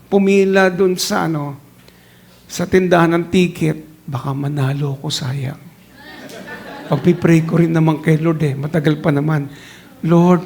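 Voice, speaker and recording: A middle-aged man preaching a lively sermon, slipping into English phrases and laughing as he speaks. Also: on the high side, vocal fry. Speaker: pastor.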